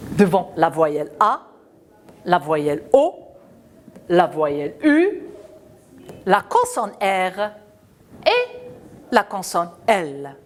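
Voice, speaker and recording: A woman teaching a children's phonics lesson, patient and questioning, spelling out letters and sounds slowly. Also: on the low side, slight background noise.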